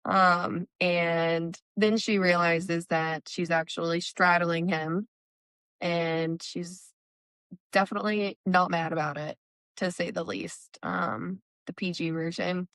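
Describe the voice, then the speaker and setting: Chatty woman with a smooth, low voice. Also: steady tone, takes it slowly, fairly bright tone, no echo. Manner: chatty retelling, frequent "like" and "um". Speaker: podcast co-host. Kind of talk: casual book-recap chat. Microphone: remote call.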